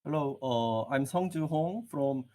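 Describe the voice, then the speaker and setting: A man from South Korea with a Korean accent, introducing himself formally in halting, hesitant English. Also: mid-range voice, darkish tone.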